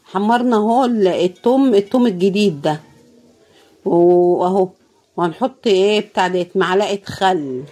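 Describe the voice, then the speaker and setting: Speaking in a hoarse, worn-out voice with an Egyptian Arabic accent, a woman cooking vlogger narrates what she's making. She sounds tired and casual, often murmuring thanks to God, and her warm, mid-range voice moves at a normal speed.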